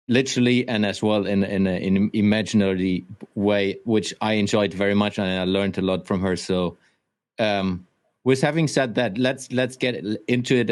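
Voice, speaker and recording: Male co-host, lowish voice, friendly casual intro, repeats words. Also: a little mellow. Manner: friendly, stumbling restarts. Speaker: podcast co-host. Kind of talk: casual podcast hosting.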